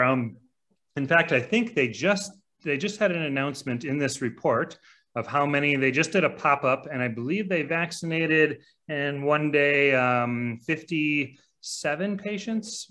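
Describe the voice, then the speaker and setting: A man speaking as a guest over a video call, relaxed and conversational. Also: on the high side, moderate pace. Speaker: guest reporting from abroad.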